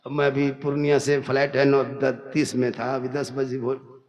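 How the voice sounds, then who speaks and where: A man in his fifties with a regional Jharkhand Hindi accent preaches a humorous sermon at a religious gathering, moving between loud declaiming, sing-song chanting and joking asides. His medium-pitched voice comes through completely flat at a moderate pace, and the recording is muffled.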